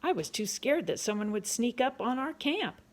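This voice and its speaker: A woman's voice: fairly high pitch, very animated, moderate pace, voice pushed up. A woman voicing a nervous young man, a freed slave, who speaks timidly and politely.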